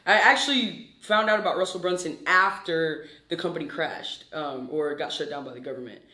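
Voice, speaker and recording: A man's voice: a little high, a little fast, sharp tone. Hyper, brash young man in an echoey room. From Peru. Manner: hyper, brash, swears freely. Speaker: interview guest. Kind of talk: casual interview chat.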